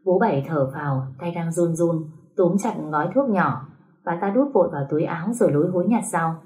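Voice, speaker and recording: Woman narrating a story, a bit low. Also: animated, brisk, darkish tone, low-quality recording.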